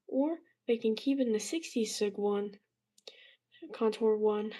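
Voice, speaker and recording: A woman's voice: medium pitch, mellow, low-quality recording. A woman giving casual, sarcastic commentary on weather posts as she browses, swearing freely. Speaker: weather streamer.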